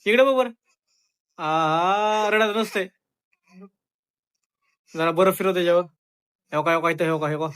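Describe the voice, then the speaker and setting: A father vlogging at home, talking softly and soothingly to comfort his crying young daughter. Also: sits high, unhurried, pauses often, clean tone. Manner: soothing, coaxing a crying child. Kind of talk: casual family vlog.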